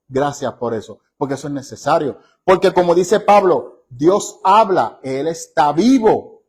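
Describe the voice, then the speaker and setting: Bible study teacher, male, slightly high voice, conversational but emphatic, drags out key phrases. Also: a little mellow. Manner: emphatic, asks rhetorical questions of listeners; slows down to stress key phrases.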